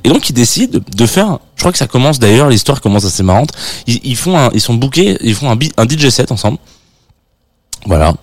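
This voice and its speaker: A man's voice: medium pitch, big pitch swings, brisk, no echo. A man hosting a radio show, chatting casually between records and often restarting as he searches for words. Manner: hesitant, many restarts while searching for words. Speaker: radio host presenting records. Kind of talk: casual on-air chat. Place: radio studio.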